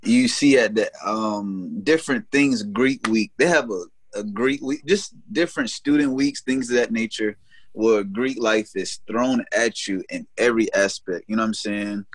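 A man's voice: on the low side, moderate pace, no room sound. A young man talking casually about his faith and his college years, often adding "you know what I'm saying". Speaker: guest.

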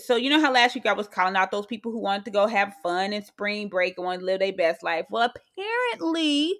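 A woman co-hosting a casual chat podcast, ranting in an animated way and repeating her phrases. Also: mid-range voice, fairly quick. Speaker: podcast co-host.

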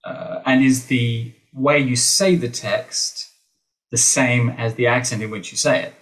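A man's voice: medium pitch, fairly even intonation, measured pace, a bit bright, low-quality recording. An Australian man, an actor and voice teacher, talking through ideas in a podcast interview with many restarts, acting out the teachers he quotes. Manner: thoughtful, full of restarts, acts out quoted teachers.

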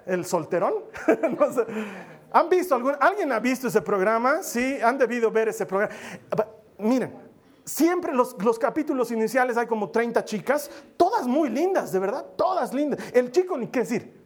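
A man with a high-pitched voice delivers a sermon in an easy, joking way. He asks the congregation questions as he goes. He slows down to repeat his key lines for emphasis. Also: expressive. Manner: humorous, chatty, asks the audience questions. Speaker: preacher.

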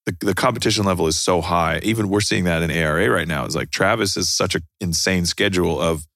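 A man in relaxed podcast chat, profane and animated, telling racing stories. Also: deep voice, fast talker, creaky, dry recording, studio quality. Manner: profane, animated storytelling with put-on quotes. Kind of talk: casual chat.

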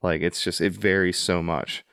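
Low-voiced reflective male veteran host. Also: flat delivery, moderate pace, gravelly, a bit bright, clean tone, no echo, clean studio sound. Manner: earnest, reflective, with restarts. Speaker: podcast host, Army veteran. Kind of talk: casual conversational interview.

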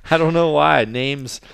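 A man's voice: a little high, vocal fry, a bit bright, smooth, no echo. A man hosting a casual podcast chat, rambling and self-deprecating with lots of fillers.

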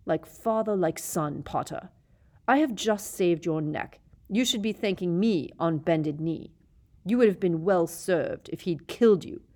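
A woman's voice: fairly low pitch, normal speed, dark tone, close to an everyday voice. A woman reading aloud and voicing a cold, bitter middle-aged male teacher with a silky, sneering manner in a storybook. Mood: enraged. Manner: sneering, silky, rising to shrieks.

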